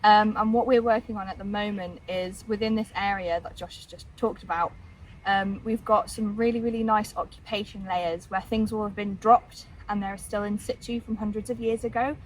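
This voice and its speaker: A woman's voice: medium pitch, steady tone, normal speed, slight background noise, low-quality recording. A young woman, a new graduate volunteering at a dig, enthusiastic and repeating words for emphasis. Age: young adult. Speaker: volunteer archaeologist. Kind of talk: explaining the dig to camera. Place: outdoor excavation site.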